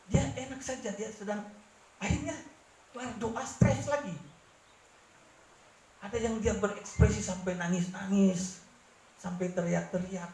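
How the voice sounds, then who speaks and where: A middle-aged man with a Manado accent preaching a sermon as pastor, dropping low to confide and rising to press his points. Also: darkish tone, a little hiss or hum. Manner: earnest preaching, sweeping from low confiding tones to raised emphatic ones. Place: church hall. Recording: roomy church echo, faint ambience.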